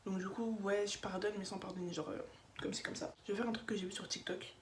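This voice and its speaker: A woman's voice: mid-range voice, steady tone, fast. A young woman with a slight lisp and slushy s sounds, chatting casually and slangily as she gives opinions in a makeup vlog. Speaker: beauty vlogger. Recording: echoey room with faint background noise.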